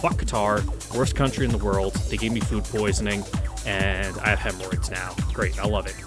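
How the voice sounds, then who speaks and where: Over loud music, a young adult man reads aloud from a visual novel while he plays it, adding casual, sardonic commentary. He's a game streamer with a fairly low, fairly even voice at a moderate pace, and he comes across as offhand and sweary.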